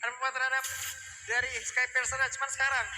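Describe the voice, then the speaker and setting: A man with an Indonesian accent giving fast commentary as an esports shoutcaster. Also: extremely high pitch, completely flat delivery, a little hiss or hum. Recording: loud music behind the voice.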